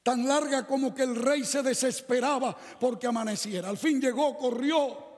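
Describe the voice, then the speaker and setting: A man's voice: very high-pitched, moderate pace. A male preacher delivering a sermon, telling a story dramatically and putting rhetorical questions to his listeners. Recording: echoey hall reverb.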